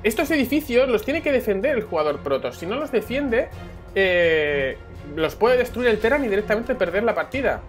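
Excitable Spanish woman casting a game. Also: on the high side, normal speed, soft background music. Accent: Spain Spanish. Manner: excitable, repeats phrases, bursts into shouts. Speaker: esports caster.

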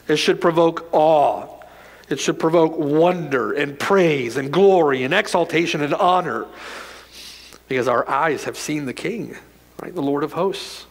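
A male pastor preaching a sermon emphatically, repeating phrases and swinging from loud declarations to hushed lines. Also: on the high side, long reverb tail.

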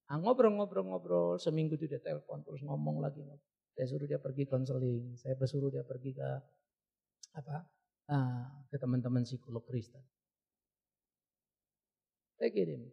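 A man's voice: medium pitch, vocal fry, dark tone, slightly rough, lo-fi sound. A male pastor giving a sermon in a blunt, joking, direct way.

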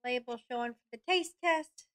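A middle-aged woman giving a casual product review to camera, speaking informally and haltingly into a desk microphone. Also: fairly high pitch, fairly bright tone, slight background noise. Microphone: desk microphone close in front, seen.

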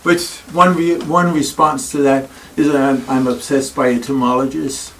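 In a wood-paneled library, a Danish-accented older man delivers a reflective talk in a mid-range voice that is flat in delivery and fairly bright in tone. He comes from Denmark and speaks with wry thoughtfulness, pausing and poking fun at himself. The audio comes from a far camera, distant and lightly noisy.

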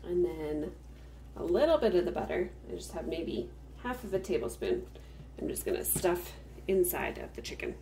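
A woman's voice: lowish voice, very animated, moderate pace, vocal fry, mellow, distant mic, slight background noise. A woman hosting a cook-with-me video, explaining each step at an easy pace while she works in her home kitchen. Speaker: home cook, farmstead channel host. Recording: roomy kitchen sound from off-mic.

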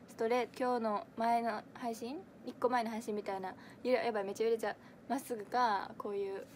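A woman's voice: high voice, a little hiss or hum. A young woman in her twenties with a Kansai accent, chatting casually on a livestream, giggly and full of fillers as she answers viewer comments. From Kansai, Japan. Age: 20s. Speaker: idol audition livestreamer.

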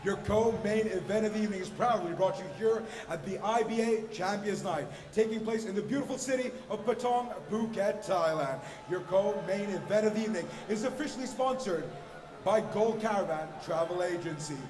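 A middle-aged man working as a ring announcer, introducing a bout grandly with booming, theatrical, stretched words. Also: brisk. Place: boxing ring in an indoor arena. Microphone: handheld microphone. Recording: echoey arena PA with long reverb.

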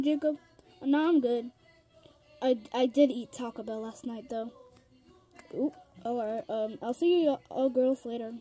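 A woman with a high, mellow voice, a toy figure video creator, voices kid characters in a pet toy role-play. She rambles with plenty of ums and restarts, now and then dropping into whispered asides.

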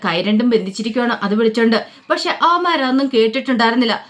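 Higher-voiced woman telling a story. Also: a bit bright. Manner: colloquial, voices every character's lines in her own voice. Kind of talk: casual spoken story narration.

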